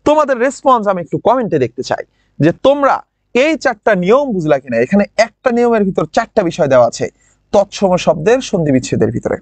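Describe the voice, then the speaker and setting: A man with a regional Bangladeshi lilt teaching a grammar class online. He drills words by saying them slowly again and again and keeps asking his students questions. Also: high-pitched, big pitch swings, no echo. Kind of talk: online admission-prep class.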